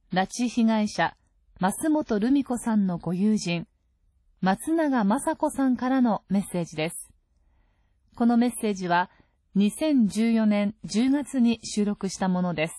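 A woman announcing a radio program in a calm, formal, scripted way. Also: medium pitch, no echo.

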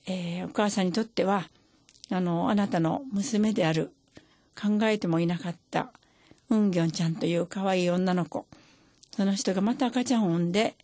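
An older woman speaking a recorded personal message as a mother, gentle and halting, pausing often. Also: medium pitch, husky, dry recording. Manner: gentle, halting, many pauses and fillers.

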